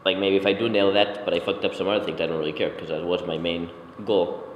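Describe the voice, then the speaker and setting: Young male circus artist, casual and relaxed; deep voice, roomy hall sound. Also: fast talker. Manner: relaxed, swears casually, many fillers. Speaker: circus performer. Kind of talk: casual interview talk. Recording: echoey hall, background noise.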